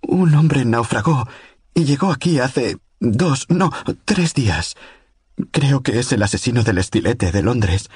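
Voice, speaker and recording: A man's voice: medium pitch, lively intonation, a little slow, slightly rough, no echo, clean studio sound, pitched above the performer's own voice. A man voicing a terrified young woman who is trapped with her child, pleading through tears. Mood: desperate pleading. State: desperate, tearful.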